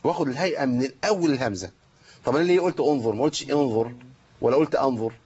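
Fast-talking Egyptian Arabic tajweed teacher. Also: male voice, mid-range voice, a little mellow, husky, highs cut off. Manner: explains by asking and answering himself. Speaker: Quran recitation teacher. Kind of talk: tajweed lesson with recited examples.

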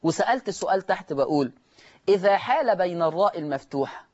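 A man's voice: sits high, lively intonation, fast talker, darkish tone, highs cut off. A man with an Egyptian Arabic accent teaching Quran recitation rules in a broadcast lesson, repeating key words and quizzing his students. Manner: repetitive, quizzing students with questions. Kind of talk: televised tajweed lesson.

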